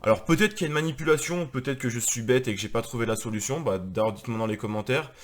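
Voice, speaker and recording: A man's voice: mid-range voice, fast, slight background noise. Casual male vlogger, rambling and chatty, lots of fillers, presenting his collection. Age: adult, married with a daughter. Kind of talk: casual video chat.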